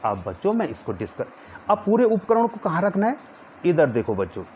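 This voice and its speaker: A man teaching a physics lesson to students, slowly dictating notes and pointing at a diagram as he explains. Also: high-pitched, huge pitch swings, a little mellow. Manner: calls students "children" in nearly every line, repeats words slowly for dictation. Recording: dull lo-fi sound with faint background noise.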